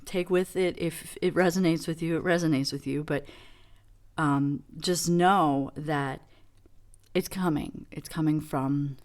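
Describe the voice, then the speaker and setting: Very low-voiced woman musing over tarot. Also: fairly even intonation, a little slow, darkish tone. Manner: reflective, rambling, many fillers. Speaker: tarot reader. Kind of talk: casual tarot reading demo.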